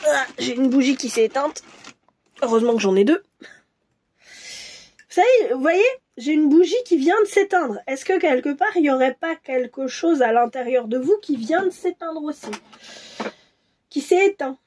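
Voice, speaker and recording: A woman doing a casual tarot reading for viewers, musing and hesitant, with many restarts and soft asides. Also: high voice, expressive, measured pace, long pauses, slight background noise. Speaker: tarot reader.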